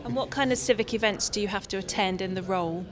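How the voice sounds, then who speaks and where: A woman's voice: mid-range voice, fast talker. A woman interviewing people casually at an event, asking short, simple questions. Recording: crowd chatter outdoors. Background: crowd at an outdoor event.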